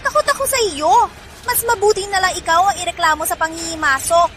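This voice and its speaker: Woman cast as snobbish, mocking mother; very high, shrill, over the top. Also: fairly quick, loud music behind the voice. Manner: shrill, sneering, wailing.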